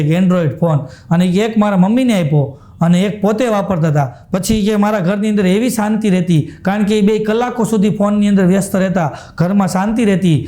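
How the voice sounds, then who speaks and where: A man's voice: high-pitched, dark tone. A man with a Kathiyawadi Gujarati accent telling jokes on a live stage, chuckling through his punchlines and repeating his catchphrases. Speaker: stand-up comedian. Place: live stage show with audience.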